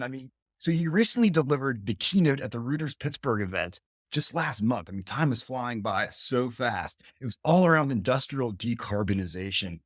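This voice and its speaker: A man's voice: mid-range voice, dry recording, studio quality. A man hosting a radio talk show in an upbeat, chatty way.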